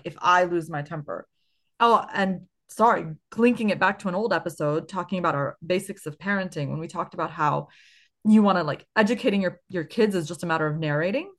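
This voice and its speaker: A woman co-hosting a parenting podcast in casual, animated conversation, often laughing and thinking aloud with fillers. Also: medium pitch.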